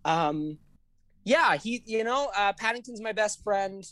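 A woman's voice: mid-range voice, lively intonation, unhurried, fairly bright tone, no echo. Gushing, foul-mouthed woman podcaster. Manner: gushing, swears freely, laughs often. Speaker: podcast co-host. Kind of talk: casual film review chat.

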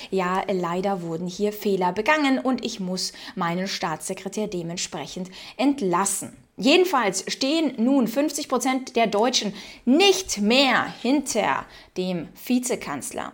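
Opinionated woman from Ukraine, fairly high voice. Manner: opinionated, reads out news quotes and reacts. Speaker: political commentary host. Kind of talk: casual political commentary.

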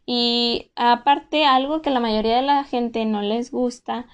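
Recounting her time as an exchange student, a young Monterrey-accented woman in her twenties chats casually, leaning heavily on fillers like "pues" and "o sea." She speaks at a measured pace in a smooth, steady, fairly high voice.

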